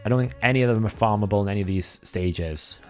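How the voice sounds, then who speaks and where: Over soft background music, a Welsh man with a lowish, darkish voice talks fast while streaming a game live. Welsh is his first language, and his chatty, think-aloud commentary includes frequent self-corrections.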